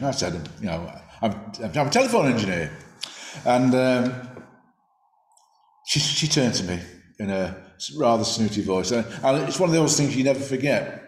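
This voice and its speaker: This is a man, preaching a sermon. He talks in a reflective, conversational manner, sometimes restarting a phrase, at an ordinary middle pitch. His voice carries a roomy echo.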